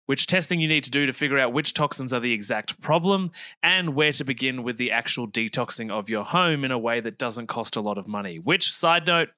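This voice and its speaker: Bright, upbeat male podcast host. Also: medium pitch, no echo. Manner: energetic, laughs often.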